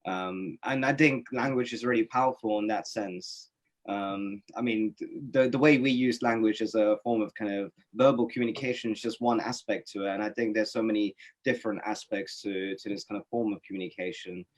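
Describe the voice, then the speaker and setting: A man's voice: lowish voice, fairly even intonation, brisk. A man from Norway, a poet and interview guest, giving thoughtful, reflective answers with many fillers and restarts on a webinar call. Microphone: webinar video call.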